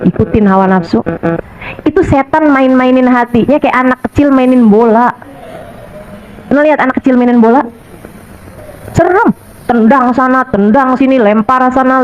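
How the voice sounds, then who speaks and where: A woman's voice: high-pitched, lo-fi sound, a little hiss or hum. A woman preacher giving a chatty, colloquial sermon, repeating rhetorical questions and acting out little quotes. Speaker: Islamic preacher. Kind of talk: colloquial sermon to a women's audience.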